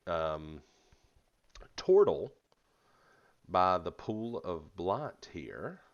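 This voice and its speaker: Deep-voiced man running a tabletop game. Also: very slow. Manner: relaxed and chatty, with fillers and laughter. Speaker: game master. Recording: slightly dull lo-fi mic.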